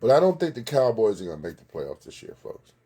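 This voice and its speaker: A man's voice: fairly low pitch, very animated, quick pace, mellow, husky. A man hosting a local sports recap, chatting casually, giving blunt opinions and greeting viewers by name. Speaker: sports show host. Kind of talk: casual live sports commentary.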